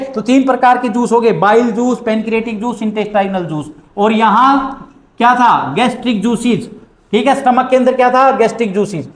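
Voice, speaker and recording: A man with an Indian accent teaching a science class, who asks questions and answers them himself and reads English lines slowly. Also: high voice. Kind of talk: classroom lecture. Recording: echoey room.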